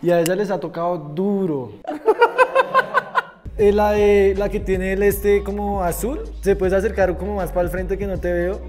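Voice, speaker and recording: A man's voice: high voice, fairly even intonation, moderate pace, mellow, faint music behind. A man of twenty-one chatting casually and joking with slang during a studio game. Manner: laid-back, joking slang. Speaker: contestant in a blind-date social experiment. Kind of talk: casual chat. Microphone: clip-on lapel mic.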